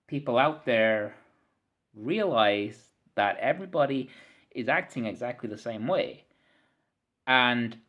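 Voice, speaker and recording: A vlogger in his mid-thirties unloads a long, frustrated rant straight into his camera, looping back over his words, tripping on repeats and swearing freely. Throat clearing keeps interrupting him. His voice sits at a medium pitch with a fairly bright tone, and the recording is lo-fi.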